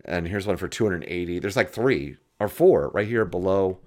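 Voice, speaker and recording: A man's voice: deep voice, lively intonation, normal speed. A man co-hosting a podcast, chatting in an easygoing way about vintage computers. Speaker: podcast co-host.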